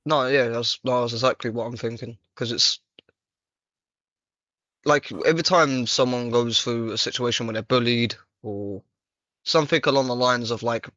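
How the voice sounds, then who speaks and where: A man's voice: medium pitch, fairly even intonation, moderate pace, sharp tone, no room sound. Earnest young man on a dull, dry mic. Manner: earnest, reflective, casual slang. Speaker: podcast host. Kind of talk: casual chat.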